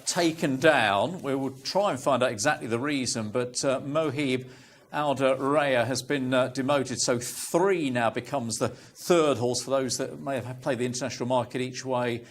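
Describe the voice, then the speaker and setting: Relaxed man presenting live racing. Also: medium pitch. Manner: relaxed, joking banter with co-presenter. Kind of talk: live racing broadcast studio chat. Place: TV studio.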